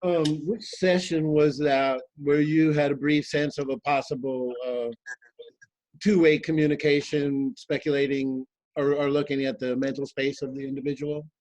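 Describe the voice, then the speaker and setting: A man's voice: fairly high pitch, little pitch movement, normal speed, a little mellow, dry recording, poor audio. A man on a group video call asking the host careful, detailed questions. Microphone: video call mic.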